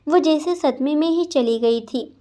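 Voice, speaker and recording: A woman narrating a story in a steady, scripted reading voice. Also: sits high, unhurried. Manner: reads all roles in one steady voice.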